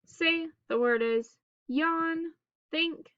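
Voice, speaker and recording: A woman teacher leading a phonics drill for children in staccato, clipped single words with pauses between them. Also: very high-pitched, no room sound, muffled recording.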